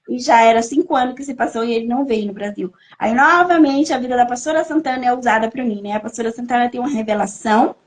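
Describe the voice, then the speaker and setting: A young woman from Brazil tells her personal testimony with a high, emotional voice. She acts out the people she quotes and climbs higher in pitch when the story moves her. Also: quick pace, hardly any pauses. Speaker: guest giving a testimony. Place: living in Germany, remote podcast.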